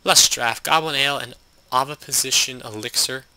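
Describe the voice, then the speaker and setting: Bright-voiced young man reading a game. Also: medium pitch, normal speed, smooth, low-quality recording. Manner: sarcastic, deadpan commentary. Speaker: let's play host. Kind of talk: reading game text aloud with joking asides.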